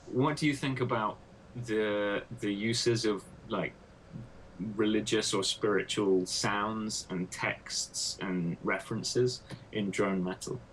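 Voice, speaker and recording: Interviewer, male, lower register, rambling and thinking aloud, faint background hiss. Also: fairly even intonation, slow pace, a bit bright, low-quality recording. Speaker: interviewer, PhD student. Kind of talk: casual research interview.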